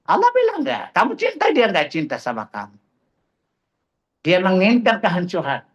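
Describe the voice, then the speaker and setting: Middle-aged male preacher, fairly high voice, combative, mocking, rapid-fire rhetorical questions. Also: fairly bright tone. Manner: fiery, hammers rhetorical questions at listeners. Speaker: Islamic preacher teaching a study class. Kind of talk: religious study lecture.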